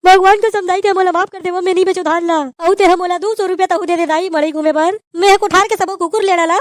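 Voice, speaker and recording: A woman's voice: extremely high pitch, fairly even intonation, fast. A woman doing a whiny Chhattisgarhi village lad. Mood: pleading. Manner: pleading and whining. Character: lovesick whiny young village man, scamp. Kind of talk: cartoon voice acting.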